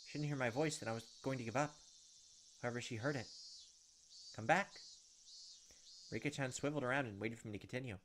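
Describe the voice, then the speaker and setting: A fast-talking man with a mid-range voice pauses often as he reads visual novel narration for a let's play, breaking off for blunt, casual remarks. The background is noisy with game music and insect sounds, and he is indoors at a desk on webcam.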